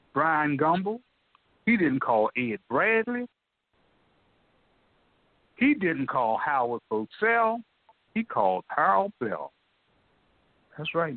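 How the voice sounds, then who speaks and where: An older man telling an animated story in a folksy way, repeating himself and addressing the listener directly. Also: fairly high pitch, dry recording. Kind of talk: excited storytelling. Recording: dry, tinny phone line.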